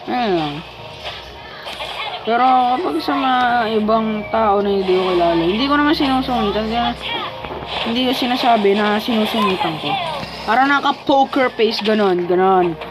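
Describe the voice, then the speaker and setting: A woman's voice: fairly high pitch, moderate pace, rough recording. A woman chatting playfully as she comments on her own mobile gameplay. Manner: playful, chatty, self-talking while playing. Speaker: gaming vlogger.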